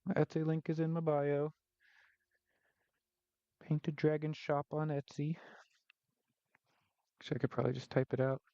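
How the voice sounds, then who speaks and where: Gravelly, mellow-voiced man chatting on stream. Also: fairly high pitch, level tone, moderate pace, long pauses, no room sound. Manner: joking, self-deprecating, rambling with frequent laughs. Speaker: artist streamer. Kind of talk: casual chat while painting on a live stream. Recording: slightly muffled stream audio with faint music.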